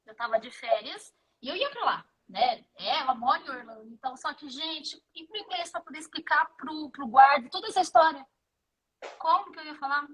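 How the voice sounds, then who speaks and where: High-voiced Brazilian woman telling a lively story. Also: brisk, rough recording. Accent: Brazilian Portuguese. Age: 50s. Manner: animated storyteller who acts out the dialogue. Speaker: guest. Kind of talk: casual interview chat.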